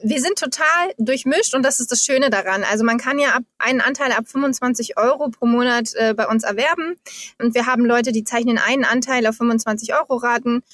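A woman's voice: a little high, a little fast, fairly bright tone, no room sound. A woman in her thirties, a guest in an interview, explaining figures steadily and with enthusiasm. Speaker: guest, founder of a forest project. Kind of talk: interview answers.

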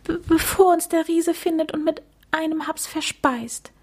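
A woman's voice: sits high, very animated, slow pace, a little mellow, breathy edge, voice pushed up, heavily acted. A woman voicing a small, timid male friend in a children's story who stutters with fear. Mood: stuttering. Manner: stuttering, fearful.

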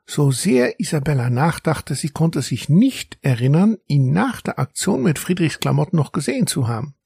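Man narrating a kids' story, gravelly, husky, dry close recording. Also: a little high, normal speed, dry recording. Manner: expressive, storytelling. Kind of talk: children's story reading.

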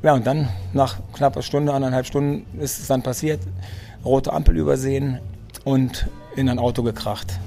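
A man with a gravelly, dark voice talks casually as an interview guest. He tells his story in a chatty way, often circling back and repeating words as he searches for phrasing. He sits in a restaurant for the conversation. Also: mid-range voice, steady tone, moderate pace, faint music behind. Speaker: interview guest, sports physician. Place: restaurant in Munich.

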